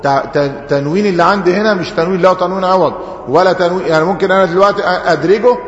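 A man's voice: high-pitched, racing. A man with an Egyptian accent, a sheikh teaching an Arabic grammar lesson, who poses questions to the class and answers them himself. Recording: echoey hall, dull lo-fi sound.

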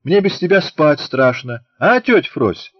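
A man's voice: fairly high pitch, very animated, moderate pace, muffled recording, voice pushed up. Man doing a chirpy cheeky little girl. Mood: teasing. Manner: chirpy, teasing. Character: lively cheeky little girl, nosy and giggly.

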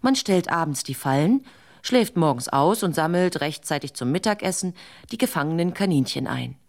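A woman's voice: low voice, expressive, normal speed. A woman reading a fairy tale as a radio story, dry and wry in her manner.

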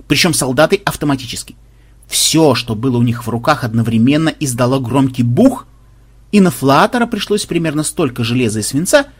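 A man narrating an audiobook in a lively storytelling manner. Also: fairly high pitch, husky.

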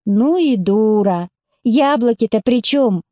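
Brief: woman as a blunt, scornful young worker, mellow tone, dry close recording. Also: fairly high pitch, expressive, takes it slowly, dry recording. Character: stubborn, mocking young factory worker man. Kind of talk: audiobook character voice.

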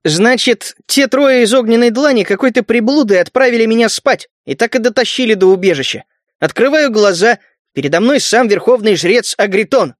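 A man's voice: high-pitched, animated, moderate pace, no room sound, clean studio sound, pitched above the performer's own voice. A man voicing a cocky, blunt young male wasteland fighter who tells his story boastfully.

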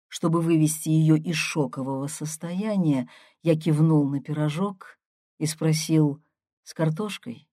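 A woman reading a first-person story aloud as an audiobook in a measured, unhurried way. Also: sits low, steady tone, warm tone, no room sound, studio quality. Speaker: audiobook reader.

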